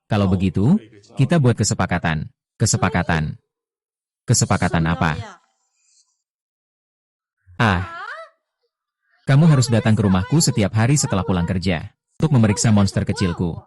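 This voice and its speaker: A man reading all the parts of a dubbed drama in a flat, unhurried way. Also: on the low side.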